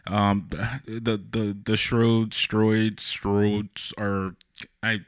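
A man co-hosting a casual film discussion podcast, talking in a halting way with many fillers and restarts. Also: on the low side, little pitch movement, clean tone, dry recording, clean studio sound. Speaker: podcast co-host.

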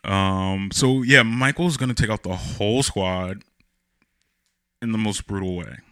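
A man co-hosts a relaxed film chat, speaking slowly and stopping often for fillers and restarts. His voice sounds bright and forward. The recording is dry and close to the mic. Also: lowish voice, clean tone, dry recording. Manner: halting, many fillers and restarts. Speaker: podcast co-host. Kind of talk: casual film discussion.

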